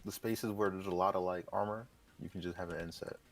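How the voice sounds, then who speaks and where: A man with a low voice chats with a friend while he models. His tone has a gravelly fry to it. He is laid-back and teases his friend in loose banter. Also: steady tone, brisk, a little hiss or hum. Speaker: co-streamer, fellow modeller. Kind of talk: casual chat.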